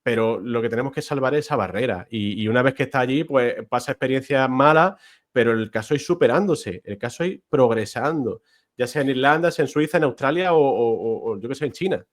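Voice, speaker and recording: A man's voice: medium pitch, lively intonation, fairly quick. Chatty Spanish man hosting a talk. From Spain. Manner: chatty, long winding sentences with fillers. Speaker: host, teacher. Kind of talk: casual interview chat.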